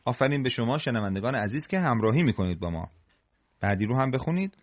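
A man's voice: medium pitch, animated. Patient male recitation teacher, lo-fi. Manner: patient, encouraging, chants examples slowly. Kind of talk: classroom recitation lesson.

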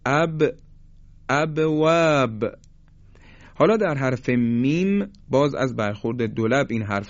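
A man teaching a recorded lesson on Quranic tajweed pronunciation. He speaks formally and politely and slows down to demonstrate letter sounds. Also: medium pitch, darkish tone, no echo. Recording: dry, dull lo-fi sound.

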